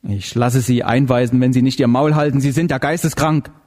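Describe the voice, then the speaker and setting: A man reading an audiobook voices a stern, angry husband who talks in gruff commands. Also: mid-range voice, steady tone, fairly quick, a little mellow, lightly acted.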